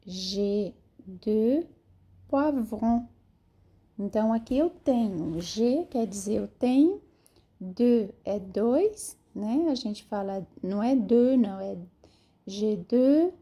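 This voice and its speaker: Slow, dark-voiced teacher woman. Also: on the high side. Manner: slow, drawn-out model words, repeats each phrase. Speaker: French teacher. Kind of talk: pronunciation lesson.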